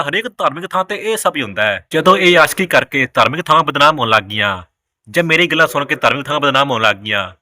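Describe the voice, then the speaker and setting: This is a young man, delivering a heated vlog rant. His voice sits a touch high and rings hard and piercing, very dry and close. He is blunt and profane, drilling his points home with scornful repetition. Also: pushed and bright, no echo. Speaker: vlogger. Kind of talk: ranting social commentary.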